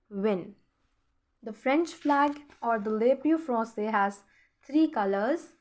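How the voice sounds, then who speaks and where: A woman teaching a beginner lesson, repeating key words slowly and quizzing her learners. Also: fairly high pitch. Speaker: French teacher. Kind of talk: recorded classroom lesson voice-over.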